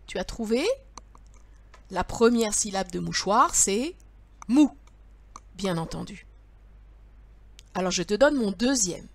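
A woman's voice: mid-range voice, unhurried, long pauses, fairly bright tone. A woman teacher leading young children through word riddles, patient and sing-song, speaking straight to the child.

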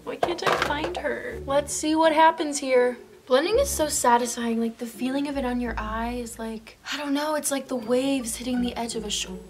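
Woman, twenties, somewhat high voice, giggly drunk, rambling vlog chat, playful, blunt, sweary, faint music. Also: moderate pace. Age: 20s. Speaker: makeup vlogger. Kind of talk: casual chat to camera while applying makeup. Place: indoors, small room in front of a fabric backdrop.

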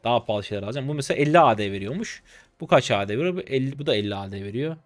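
A man in his twenties from Turkey, a streamer commentating his game live in an excitable, chatty way, talking to his viewers and teasing opponents. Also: medium pitch, rapid-fire, dry recording. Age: 20s. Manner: excitable, chatty, talks to chat, bursts of laughter and teasing.

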